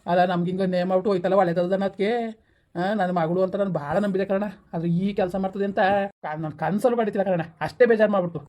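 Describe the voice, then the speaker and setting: A woman playing a stern, rapid-fire village woman. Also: fairly low pitch, fairly even intonation, lightly acted. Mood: stern scolding. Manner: scolding, hushing others, rapid-fire. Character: stern village woman, scolding and consoling relatives. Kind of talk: village family skit acting.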